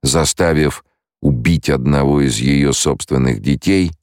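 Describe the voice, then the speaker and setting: Audiobook role: a proud blind young ruler, firm commands, read by a man with a very low, dry voice. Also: unhurried, a little mellow, dry recording. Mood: controlled.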